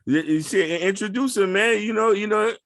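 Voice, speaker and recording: A middle-aged man hosting a casual interview, talking in a relaxed, slangy way. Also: sits high, no echo. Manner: relaxed, drawn-out slangy delivery. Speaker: radio show host.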